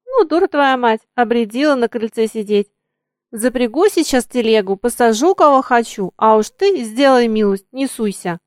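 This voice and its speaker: A woman voicing a gruff, teasing old coachman. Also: fairly high pitch, animated, normal speed, a little mellow, dry recording, studio quality, natural voice. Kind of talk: audiobook reading.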